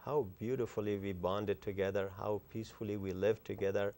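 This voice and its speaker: A man in his sixties from Afghanistan, a guest author talking earnestly and effusively in an interview, often pausing with fillers. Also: on the low side, fairly even intonation, mellow. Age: 60s. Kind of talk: interview conversation.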